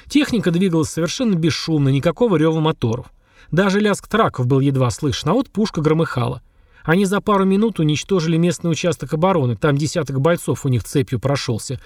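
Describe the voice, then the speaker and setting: A man's voice: fairly high pitch, expressive, fast, darkish tone, no echo, clean studio sound. A man reading the part of a blunt, fearless veteran army sergeant in an audiobook, with a confident, plain-spoken manner. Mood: reporting.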